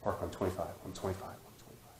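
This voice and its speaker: A man in his thirties preaching a sermon in a church sanctuary, repeating phrases with emphasis and sudden drops to a hush. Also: low voice, little pitch movement, very fast. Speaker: guest preacher. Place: church sanctuary, large indoor room. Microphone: far camera, room mic. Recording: echoey church hall.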